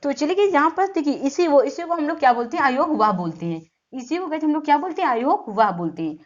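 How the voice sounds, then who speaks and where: A woman's voice: high voice, lively intonation, fast talker, dull audio. A woman teaching an exam-prep grammar lesson, asking questions and answering them herself, repeating key terms. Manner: repetitive, quizzing students and answering herself.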